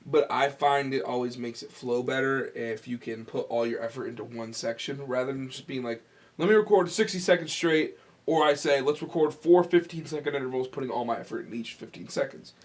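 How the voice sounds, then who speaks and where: A man's voice: medium pitch, a little fast. A man with a nasal voice, explaining step by step in casual talk how he records and edits his own song. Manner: relaxed, explaining each step with fillers.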